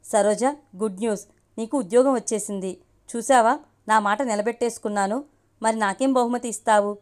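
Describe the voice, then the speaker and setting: A woman's voice: fairly high pitch, moderate pace, lightly acted. A woman reading the lines of a kind, teasing young man in a family story, in a light tone.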